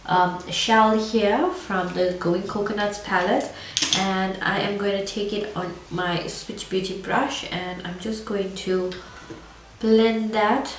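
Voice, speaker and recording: Taking things slowly, this woman speaks at a medium pitch with fairly even intonation, her voice scratchy and congested from a cold. The beauty vlogger rambles casually through a makeup review, and the recording is echoey, distant from the mic, and faintly noisy.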